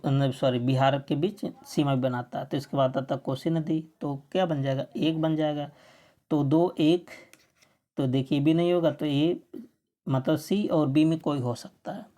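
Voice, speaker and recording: A woman with a low, mellow voice works through test questions as a coaching teacher. She poses questions aloud and answers them herself, stopping now and then to fix a slip. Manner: asks questions and answers them herself, often saying "theek hai"; corrects her own slips mid-sentence. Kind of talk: explaining quiz answers.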